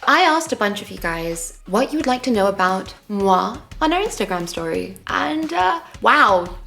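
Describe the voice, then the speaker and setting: A woman's voice: fairly high pitch, fairly bright tone. A young woman, a singer and vlogger, chatting playfully in a casual Q&A vlog. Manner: bubbly and playful, makes silly sound effects.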